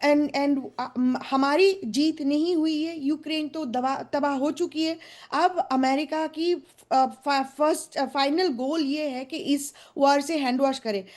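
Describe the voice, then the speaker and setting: Casting: high-pitched woman pundit, forceful opinions, halting delivery full of fillers. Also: fairly even intonation. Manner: hesitant, many fillers, mixes English phrases, assertive. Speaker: panelist. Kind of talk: news debate commentary.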